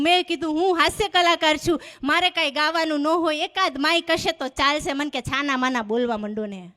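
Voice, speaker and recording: A woman, telling stand-up comedy stories on stage and acting out the dialogue in them. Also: high-pitched. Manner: animated storyteller acting out dialogue. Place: stage before a live audience.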